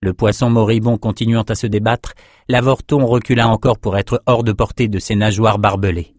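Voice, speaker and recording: Low-voiced man reading an audiobook. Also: fairly even intonation, moderate pace, no room sound, studio quality. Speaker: audiobook narrator. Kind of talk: scripted narration.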